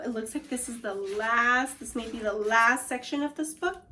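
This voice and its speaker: Speaking very slowly in a fairly high, slightly bright voice, an elementary teacher leads a read-aloud lesson. She talks directly to young pupils, encouraging and instructing them as she moves between reading and questions.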